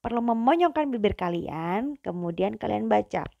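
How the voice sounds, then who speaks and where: A young woman teaching German pronunciation in a slow, patient lesson, drawing out each sound. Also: mid-range voice, lively intonation, vocal fry, no room sound, lo-fi sound. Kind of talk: classroom-style video lesson.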